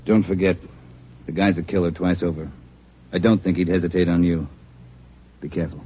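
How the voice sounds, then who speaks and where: An actor playing a brisk police chief who gives orders to his detectives in a 1950s radio drama. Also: deep voice, steady tone, slightly rough. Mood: commanding. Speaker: police captain in charge. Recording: muffled vintage radio broadcast.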